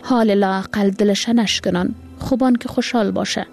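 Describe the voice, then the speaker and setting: A woman voicing a poor, hopeful mother and wife, speaking in lively exclamations. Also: mid-range voice, vocal fry, faint music behind, lightly acted. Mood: exclaiming.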